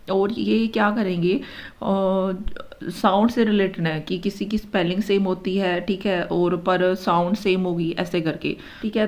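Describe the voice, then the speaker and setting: A woman teacher explaining an exam-prep lesson step by step, mixing English terms into her Hindi and reading each option slowly before explaining it quickly. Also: medium pitch, darkish tone. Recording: dull lo-fi recording.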